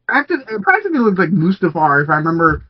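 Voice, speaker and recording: A man's voice: high voice, huge pitch swings, rapid-fire. A man co-hosting a podcast in casual chat, rambling with lots of fillers and restarts. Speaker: podcast co-host. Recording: dull lo-fi audio.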